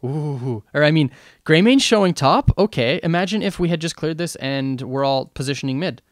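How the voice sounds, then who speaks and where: A man coaching a game team over voice chat, breaking down a replay in a casual, animated way and quizzing the players. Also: a little high, moderate pace, dry recording, clean studio sound. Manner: animated, asks the team questions, many fillers. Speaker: esports coach reviewing replays.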